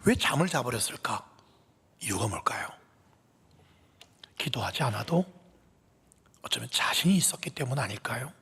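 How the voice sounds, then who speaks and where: A man's voice: medium pitch, sing-song, moderate pace, creaky, long pauses, fairly bright tone, slightly rough. A man preaching a sermon as pastor, asking the congregation rhetorical questions and dropping into whispers before rising again for emphasis. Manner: dramatic, drops to whispers then rises for emphasis; asks the listeners many rhetorical questions. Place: church sanctuary. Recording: long hall reverb.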